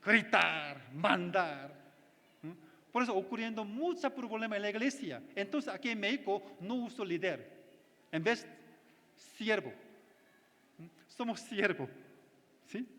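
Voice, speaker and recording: Slow-speaking high-voiced pastor in a reverberant hall. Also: male voice. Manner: simple non-native phrasing, frequent check-in questions. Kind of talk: sermon. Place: church retreat hall.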